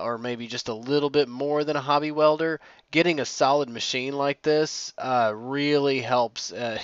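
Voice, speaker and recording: A man's voice: mid-range voice, fairly bright tone, dry recording, dull audio. Casual rambling man narrating his workshop build. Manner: loose and rambling, with many ums and restarts.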